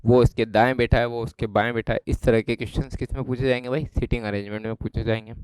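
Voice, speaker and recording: A man's voice: medium pitch, flat delivery, fast, a little mellow, clean tone, no room sound. A man with a Rajasthani Hindi accent explaining an exam syllabus in a chatty lesson, often checking that his students follow. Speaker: exam prep teacher.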